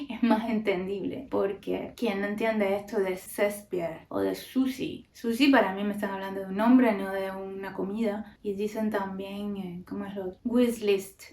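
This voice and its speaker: A woman's voice: mid-range voice, darkish tone, recorded from a distance. Opinionated Cuban woman, roomy echo. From Cuba. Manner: opinionated, wry. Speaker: podcast host. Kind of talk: casual monologue. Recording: roomy echo, mic set back.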